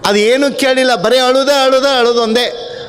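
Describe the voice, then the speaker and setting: A man giving a storytelling sermon, acting out the characters' lines in an animated way. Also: extremely high pitch, moderate pace. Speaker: swami giving a religious discourse. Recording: long hall reverb with faint music.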